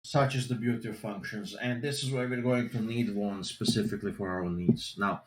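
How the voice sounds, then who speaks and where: A man's voice: fairly low pitch, fairly even intonation, normal speed, reverberant, slight background noise, low-quality recording. Man explaining things over group voice chat. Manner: loose, filler-heavy explaining with many "you know"s. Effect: group voice chat audio. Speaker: seminar presenter.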